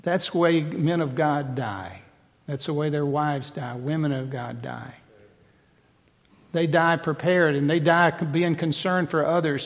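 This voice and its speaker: An older man delivers a sermon from the pulpit, his voice sitting a little higher than most men's. He preaches in a folksy, conversational way, and the sound rings with the long reverb of a big hall. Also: creaky. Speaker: pastor.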